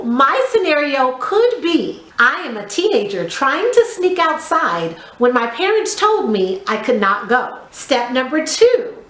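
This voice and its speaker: Her voice high and lively, a female theatre teacher runs an instructional lesson for kids, guiding exercises and explaining as she goes. She gives clear steps, encourages warmly and counts with emphasis, all in a reverberant, roomy recording.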